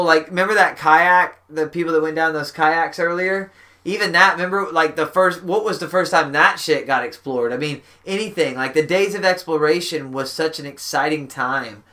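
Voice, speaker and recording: A man hosting a podcast, chatting casually in a backyard shack, rambling and swearing freely. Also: on the high side. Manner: rambling, profane, animated. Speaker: podcast host. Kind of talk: casual chat.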